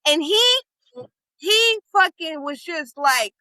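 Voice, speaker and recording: This woman's voice is very high, and she takes her time, heard through dry, low-quality audio. Co-hosting a casual podcast, she tells an animated, profanity-heavy story and performs the quotes of the people in it.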